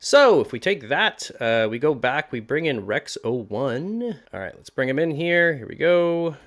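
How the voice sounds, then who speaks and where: A man's slightly high, somewhat bright voice comes across as very animated, though he speaks a little slowly. As a voice actor hosting a tutorial, he teaches casually and informally, with some humour aimed at himself.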